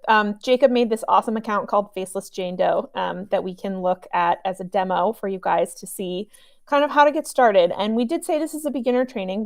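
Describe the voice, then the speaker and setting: A woman hosting a live software training webinar, chatty and upbeat, with a cough drop in her mouth. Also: mid-range voice, no room sound, clean studio sound. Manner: chatty, upbeat, friendly with filler ums.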